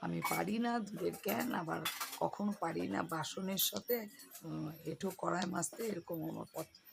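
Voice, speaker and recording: Hoarse gravelly lady doing a chatty home vlog, noisy recording, animals around. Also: on the low side, normal speed. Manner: chatty, addresses viewers directly with many fillers. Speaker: vlogger. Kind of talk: casual home vlog narration.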